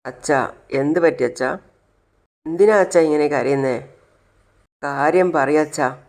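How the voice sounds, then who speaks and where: Daughter figure, gently raised pitch, gravelly edge, as a man puts her on. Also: unhurried. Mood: anxious. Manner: pleading, comforting. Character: grown daughter, worried and protective.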